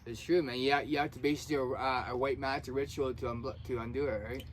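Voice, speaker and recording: A man's voice: mid-range voice, fairly even intonation, fast talker. A man talking in a casual, earnest, rambling way, often restarting his sentences. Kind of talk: casual conspiracy chat. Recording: faint background noise.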